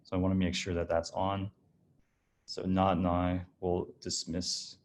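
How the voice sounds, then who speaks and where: Man, design director, casual screen-share demo voice, lowish pitch, easygoing and explanatory. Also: a little slow, slight background noise. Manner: relaxed, explanatory, with frequent restarts and fillers. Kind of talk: screen-share software walkthrough.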